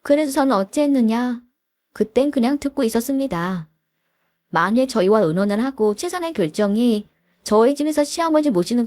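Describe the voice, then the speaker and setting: A woman's voice: on the high side, dark tone. A woman narrating her own family story in a weary, plain way. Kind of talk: scripted narration.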